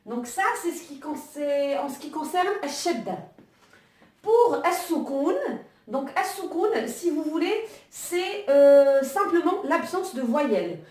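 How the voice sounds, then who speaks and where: High-voiced woman teaching in an echoey room. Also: animated, moderate pace, a little mellow, far from the mic. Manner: hesitant, many fillers and restarts while writing. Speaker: Arabic teacher. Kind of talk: online language lesson.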